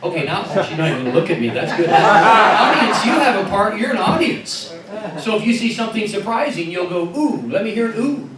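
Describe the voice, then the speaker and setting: A man's voice: high voice, big pitch swings, a little fast, crowd noise. A man hosting a live magic show on stage, joking and coaxing the audience to play along. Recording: echoey hall, from far off, loud music.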